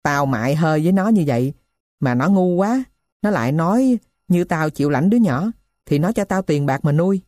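A woman voicing a poor middle-aged male thief who tells his story in a rough, blunt way. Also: sits low, animated, a little fast, mellow, dry recording, studio quality. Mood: gruff.

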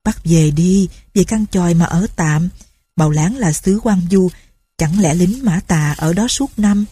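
A woman's voice: lowish voice, unhurried, warm tone, slightly rough. A woman voicing an earnest, scheming teenage peasant boy who pleads and reassures. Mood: urging.

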